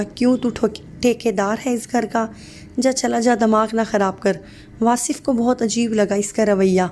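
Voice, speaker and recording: Woman reading a sad story, same plain voice for everyone, kinda high voice, bit of hiss behind. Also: a little mellow. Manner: reads every part in one plain voice. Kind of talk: scripted narration of a sad story.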